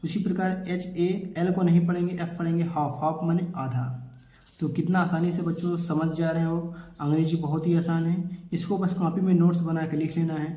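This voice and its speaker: A man's voice: fairly high pitch, steady tone, moderate pace, mellow. Male teacher drilling rules in an echoey room. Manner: repetitive, drills rules, asks and answers his own questions. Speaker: English teacher. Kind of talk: classroom-style lesson.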